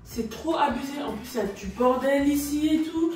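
A grumpy babysitter barks orders and scolds the kids, played by a woman in a very high voice. The sound is strongly echoing and comes from off-mic, with music playing behind. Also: lively intonation, moderate pace, darkish tone, recorded from a distance. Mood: complaining. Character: bossy, grumpy young female babysitter.

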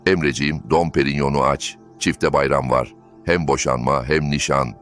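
A man's voice: a bass voice, fairly even intonation, moderate pace, fairly bright tone. A man voicing a haughty, scheming older mother-in-law with a theatrical, mocking manner. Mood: gleeful. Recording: faint background music.

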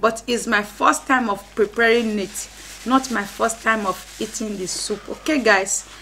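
A woman's voice: on the high side, unhurried, low-quality recording. A woman with a Nigerian accent in casual mukbang chat, speaking between bites as she eats. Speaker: mukbang vlog host. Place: indoor room, seated at a table. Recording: clear steady background noise.

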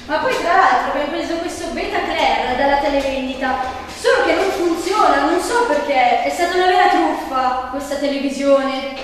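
A young woman playing an excitable, complaining daughter in an amateur comic skit. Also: high voice, moderate pace, a little hiss or hum, lightly acted. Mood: indignant. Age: young adult. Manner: exclaiming, complaining. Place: indoor kitchen and living room, far camera. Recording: echoey room, distant camera mic, music.

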